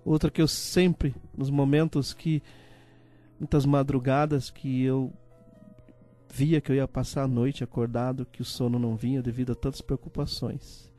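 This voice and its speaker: A man giving a calm, measured religious testimony and quoting scripture passages. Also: mid-range voice, faint music behind.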